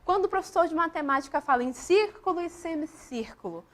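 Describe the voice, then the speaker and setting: A woman's voice: very high voice, expressive, brisk. A woman teaching a school grammar lesson, walking through examples step by step and often putting questions to the class. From Brazil.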